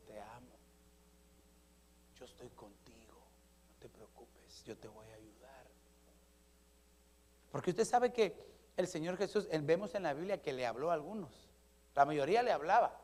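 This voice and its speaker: A male pastor with a high voice preaching a sermon. He swings between loud, rising declarations and quiet, almost whispered asides, and keeps checking in with the congregation. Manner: often adds questioning "¿verdad?" to engage the congregation.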